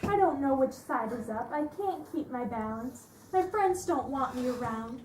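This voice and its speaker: Female reader as discontented talking shape, high, plaintive; distant, roomy storybook recording. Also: expressive, moderate pace, darkish tone. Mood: fed up. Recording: roomy, distant microphone with clear noise.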